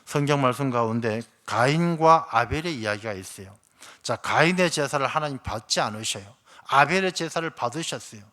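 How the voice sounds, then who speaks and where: A male pastor preaching a sermon, telling a fable and acting out quotes with animated delivery in a church. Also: mid-range voice, normal speed. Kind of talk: sermon with storytelling. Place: church sanctuary.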